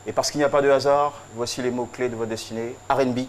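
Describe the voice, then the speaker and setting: A man's voice: mid-range voice, fairly even intonation, fast, slight background noise. A man delivering a tribute speech on a TV show, solemn and rhythmic, leaning on repeated phrases. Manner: solemn, rhythmic, with emphatic repetition. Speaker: tribute presenter.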